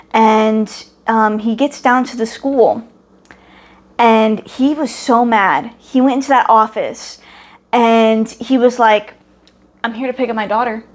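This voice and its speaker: A young woman co-hosting a podcast, telling a childhood story casually and acting out the voices in quotes, often laughing. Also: a little high. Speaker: podcast co-host.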